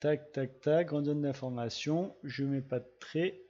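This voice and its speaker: A man talks through a software demo in a relaxed, chatty way, narrating every click as he goes. His voice sits a little high for a man. The recording is dull and lo-fi, from a desktop mic. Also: measured pace. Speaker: GIS tutorial presenter. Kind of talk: casual screen-recorded software tutorial.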